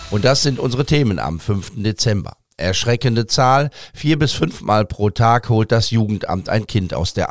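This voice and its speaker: A man hosting a news podcast, presenting scripted news. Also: on the low side.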